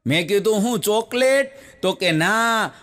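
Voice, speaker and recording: A man with a Gujarati accent telling folksy comic stories as a stand-up comedian, animated, jumping up to a higher pitch when he voices the women in his jokes. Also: a little slow.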